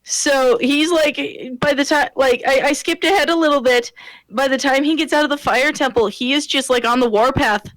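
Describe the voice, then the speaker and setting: A woman's voice: high-pitched, moderate pace, a bit bright, low-quality recording. A woman co-hosting a casual gaming podcast, rambling with lots of fillers and restarts. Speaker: podcast co-host.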